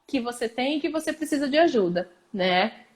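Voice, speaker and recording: A therapist and host with a Brazilian Portuguese accent speaks briskly in a high-pitched voice with lively intonation during a casual panel conversation. She's emphatic, repeating key phrases and asking rhetorical questions. A crowd can be heard in the background.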